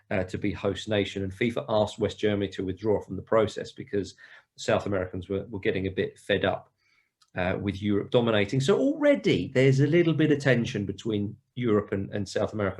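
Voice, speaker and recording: A man hosting a podcast, relaxed and steering the talk with backstory. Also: on the low side. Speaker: podcast host. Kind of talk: podcast conversation.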